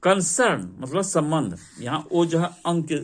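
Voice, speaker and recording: A man's voice: fairly high pitch, sing-song, measured pace. A man teaching English vocabulary to a class, drilling word meanings and asking students to repeat them.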